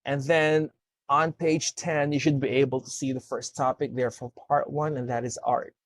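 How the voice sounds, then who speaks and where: A man's voice: mid-range voice, little pitch movement, normal speed, no echo. Patient male English tutor, dry close voice. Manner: patient, explains step by step with frequent "okay?" checks. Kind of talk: one-to-one speaking lesson.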